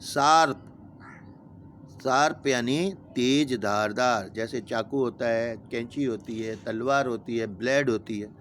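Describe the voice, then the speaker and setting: Man, school teacher, very slow and patient, spells out words, faint background hiss. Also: medium pitch, fairly bright tone. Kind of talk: vocabulary lesson for young pupils.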